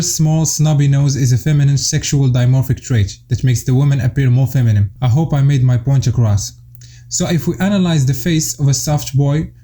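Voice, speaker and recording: Dark-voiced young man from Morocco. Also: mid-range voice. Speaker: YouTube commentator. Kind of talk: scripted voice-over commentary.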